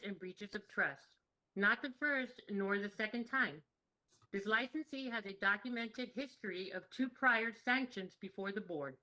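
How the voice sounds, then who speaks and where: A woman delivers a prepared statement to a board over a remote call. She speaks firmly and earnestly. Her voice is bright and forceful. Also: mid-range voice, low-quality recording. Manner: firm and earnest. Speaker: public commenter. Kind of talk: prepared public statement read aloud.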